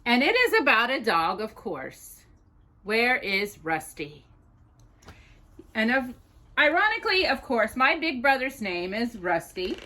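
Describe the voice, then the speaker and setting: A woman hosting storytime reads a children's picture book aloud, expressive and deliberate for a young child, her voice a little high.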